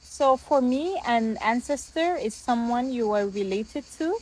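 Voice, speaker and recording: A woman from Sudan, a guest, explaining family wisdom gently and thoughtfully with small pauses. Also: a little high, animated, rough recording. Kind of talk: casual explanation.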